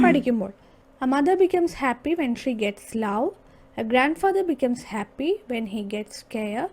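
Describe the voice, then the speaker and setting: High-voiced Malayali teacher explaining slowly. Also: female voice, warm tone. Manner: patient, slowing down to read English lines aloud; asks questions then answers them herself. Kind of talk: explaining a primary school English lesson.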